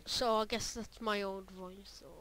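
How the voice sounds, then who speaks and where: A woman's voice: mid-range voice, fairly even intonation, measured pace, heavy background noise. A young woman chatting casually as she reacts to her own old videos, rambling with lots of fillers and trailing off. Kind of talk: casual reaction vlog commentary.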